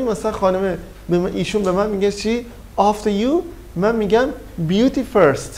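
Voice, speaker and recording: A man teaching a class, explaining English phrases and quizzing his students. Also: high voice. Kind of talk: classroom language lesson.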